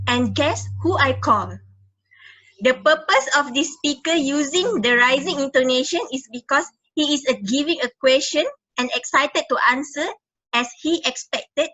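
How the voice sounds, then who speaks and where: A woman's voice: high voice, sharp tone, rough recording. A young woman presenting a class project, explaining examples and often repeating and correcting herself. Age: young adult. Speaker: student presenter.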